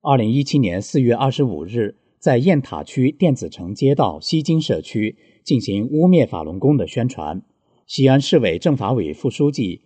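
A man reading scripted news in a steady, formal way. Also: medium pitch, husky, no room sound. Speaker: news reader.

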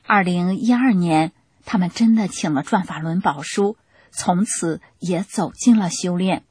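A woman reads out a scripted testimony. Her voice is low-pitched, husky and breathy, and the dry, close recording has no room sound. She keeps a steady, plain storytelling manner. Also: measured pace, no room sound.

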